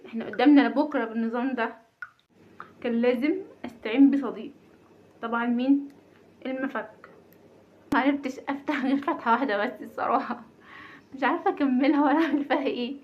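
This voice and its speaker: A woman's voice: high voice, quick pace, pauses often, slight background noise. A woman in her thirties with an Egyptian accent, a mother chatting casually in a home vlog, nervous and self-mocking. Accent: Egyptian Arabic. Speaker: vlogger, mother. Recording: dull lo-fi home recording.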